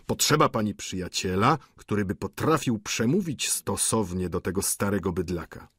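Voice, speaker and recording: A husky-voiced man playing a sly, mocking middle-aged lodger in an audiobook, telling gossip with swagger. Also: lowish voice, expressive, moderate pace, a bit bright, no room sound, studio quality.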